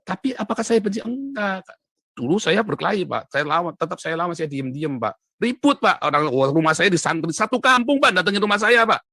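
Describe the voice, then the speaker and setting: A man recounts his life as an evangelist in an interview, his voice bright and forceful. He leans hard on key words, his pitch and volume climbing when he presses a point. The recording is dry and close. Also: animated, fairly quick, dry recording. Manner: emphatic, often rising sharply in pitch and loudness, addresses host as "Pak". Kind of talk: animated interview testimony. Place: Europe.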